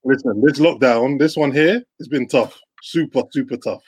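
A young man with a London roadman accent hosts a casual group chat. His voice is mid-pitched and slightly husky. He talks in an animated, slangy way, bantering as he presents. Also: normal speed. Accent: London, urban roadman slang. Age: young adult. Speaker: podcast host. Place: indoors at home, on a laptop video call.

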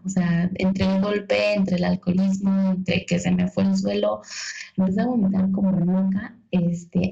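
A young Mexican woman tells a personal story in a lively, self-mocking way and acts out the lines of the people in it. Her voice is gravelly and dark, and it sounds a little dull, as if recorded with limited sound. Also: medium pitch. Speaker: guest storyteller. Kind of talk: casual anecdote.

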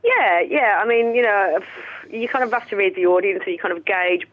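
A woman comedian chatting quickly on a radio show, joking and laughing often. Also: mid-range voice, lively intonation, no echo. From England. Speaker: comedian guest. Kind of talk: casual radio chat by phone. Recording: dull muffled phone line.

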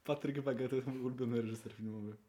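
Give me a young man chatting on a podcast, excitable and loose-tongued, with a medium pitch. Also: racing. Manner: excitable, swears freely, jumps pitch for emphasis. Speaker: podcast co-host. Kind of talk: casual chat.

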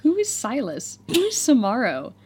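A woman co-host reacting to a reading with short, baffled, often softly muttered remarks. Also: on the high side, wildly swooping pitch, moderate pace, a little hiss or hum. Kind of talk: casual chat.

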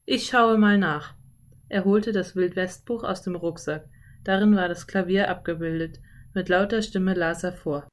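A woman narrating a children's audiobook in a calm, clear storytelling voice. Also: lowish voice, normal speed.

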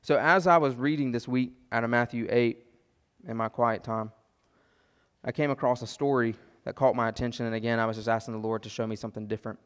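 A man preaching a sermon as pastor, earnest and gentle, his voice sometimes dropping soft for asides. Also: medium pitch, fairly even intonation, fairly quick, clear, resonant tone, in a large hall. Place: church sanctuary.

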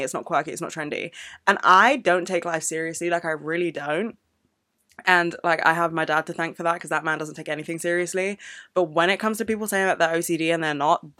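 On her solo podcast, a young woman speaks off the cuff in an emotional rant laced with plenty of swearing. Her fairly low voice is brisk, pushed, and bright, recorded on a podcast mic with studio quality and no room sound.

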